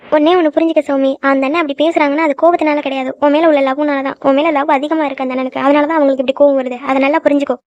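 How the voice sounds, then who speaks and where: A woman's voice: high-pitched, fairly even intonation, very fast, a little mellow, dry recording, natural voice. A woman voicing a hot-tempered young woman in a cartoon who lectures her friends at length. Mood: scolding. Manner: scolding, lecturing, then frightened. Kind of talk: cartoon voice acting. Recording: dull lo-fi dry recording.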